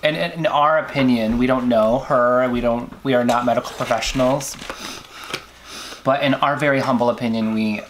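A man's voice: mid-range voice, fairly even intonation, moderate pace, slight background noise. A young man co-hosting a casual eating show, chatty and rambling. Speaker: co-host. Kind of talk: casual mukbang chat.

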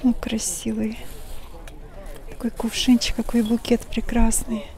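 A woman vlogging as she browses an outdoor flea market, musing slowly and often half-whispering to the camera. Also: on the high side, monotone, a little mellow. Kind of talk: casual narration while shopping. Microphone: handheld phone camera. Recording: outdoor market crowd noise. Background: crowd chatter.

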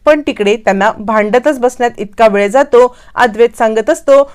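Woman recap narrator for a TV serial, fairly high voice, brisk storyteller. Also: a little mellow, smooth. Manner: brisk storytelling with quoted dialogue. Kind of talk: scripted episode recap narration.

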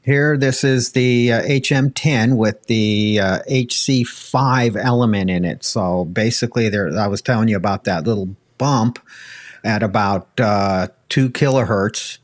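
A man's voice: lowish voice, a little slow. An older American man giving casual technical advice in a conversational, folksy way into a close desk microphone. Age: older, around 60s. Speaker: ham radio panelist. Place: home radio room, indoors, video call. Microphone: close desk microphone with headphones.

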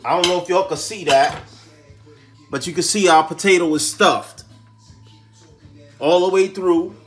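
This high-voiced man talks at a measured pace while faint music runs behind him. He's the easygoing host of a home cooking show, filling potatoes and chatting with his audience in slang.

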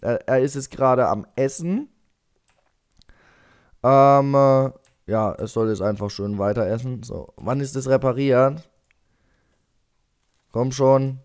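A young man talks through his game session as a casual Let's Play, speaking to the characters as though they could hear him. His pace is slow and unhurried. His voice comes through smooth and clear. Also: medium pitch, a little mellow. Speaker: gaming YouTuber.

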